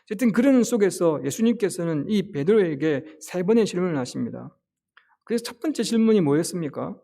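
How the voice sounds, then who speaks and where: A male pastor delivers an earnest sermon and keeps asking the congregation rhetorical questions. His voice sits high for a man, with a gravelly edge and a dark, mellow tone. He talks fast. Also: expressive.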